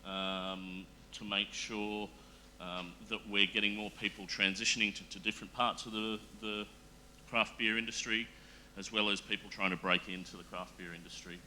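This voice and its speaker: A man talks on a casual panel, earnest and halting, full of fillers and restarts. His voice is low and very bright, and a faint hiss sits beneath it. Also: flat delivery. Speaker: panel guest.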